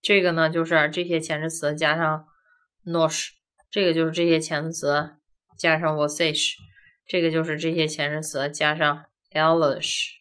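A woman's voice: low voice, little pitch movement, moderate pace, a bit bright. A woman teaching a grammar lesson, walking through each point step by step and often asking rhetorical questions. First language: Chinese. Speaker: language teacher. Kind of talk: classroom-style grammar lesson.

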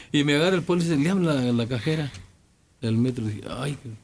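Man, Mexican accent, radio co-host, jokey storyteller, slightly high voice. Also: a little fast, gravelly, slight background noise. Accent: Mexican Spanish. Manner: jokey, animated retelling. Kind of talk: casual radio chat, storytelling.

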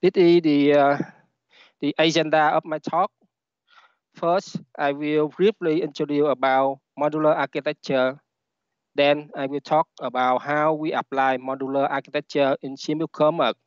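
A man with a Vietnamese accent, a native Vietnamese speaker, giving a halting technical presentation over a headset on an online call. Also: on the high side, flat delivery, smooth, no echo. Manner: halting, with repeated words. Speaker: conference speaker, software engineer. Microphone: headset on a video call. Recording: dull, lo-fi online call audio.

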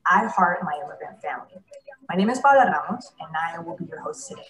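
A woman's voice: lowish voice, lively intonation, quick pace, fairly bright tone. A woman hosting a promotional video, reading an upbeat scripted welcome. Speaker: event host in a promo video. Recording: promo video with background music.

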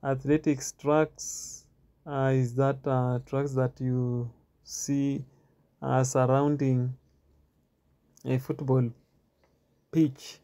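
A man giving a walking stadium tour outdoors, talking haltingly with many filler pauses and repeats, recorded on a handheld phone. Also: mid-range voice, flat delivery, dark tone. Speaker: tour guide.

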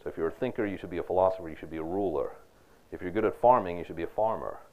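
A man's voice: deep voice, racing. A man lecturing on philosophy to students in a conversational way, often checking in with "right?" and asking them questions. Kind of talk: university lecture. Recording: dull lo-fi lecture recording.

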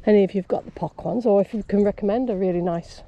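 A woman's voice: mid-range voice, quick pace, no echo, muffled recording. A woman cycling on country roads who chats casually to an action camera on her bike and is breathing hard from the climb. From Wales. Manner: chatty, self-commenting, laughs at herself. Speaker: cycling vlogger. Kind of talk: casual talk while riding. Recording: outdoor camera with wind and road noise. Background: passing traffic and wind.

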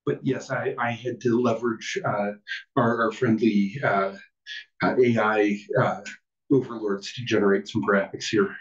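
Man presenting to a small crowd, halting and filler-heavy, self-deprecating, heard from a distance in an echoey room. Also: lowish voice, little pitch movement. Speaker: presenter at a user group meeting. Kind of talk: casual technical presentation. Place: meeting room with an audience. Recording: distant, roomy, dull room recording.

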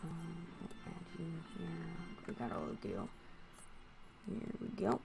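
A gaming video host, a woman using a voice changer, gives casual, rambling gameplay commentary that's halting and full of excited exclamations. Her voice is mid-range and gravelly, with music playing in the background.

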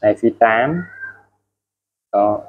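A man's voice: lowish voice, expressive, slow, phone-quality sound. Chatty man selling tools. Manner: repetitive, keeps restating prices and codes; chatty, ends phrases with friendly particles. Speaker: used tool seller. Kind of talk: casual product showcase.

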